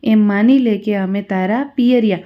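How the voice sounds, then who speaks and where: A woman voicing a kindly, motherly female cobra goddess in a folk tale, gentle and reassuring, on a dull lo-fi recording. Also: medium pitch, normal speed, natural voice.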